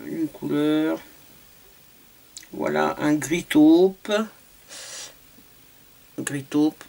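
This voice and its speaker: A woman's voice: sits low, fairly even intonation, drawn-out words, vocal fry, dark tone. A woman from France, a beauty vlogger, chatting casually through a shopping haul video, hesitant with many fillers and repeated words.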